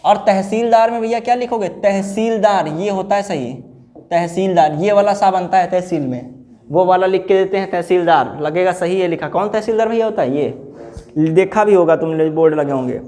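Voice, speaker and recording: A man's voice: high voice, normal speed, dark tone. A male teacher giving an exam-prep spelling lesson, repeating each word and quizzing his students, calling them brother in an informal way. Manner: addresses listeners informally as brother.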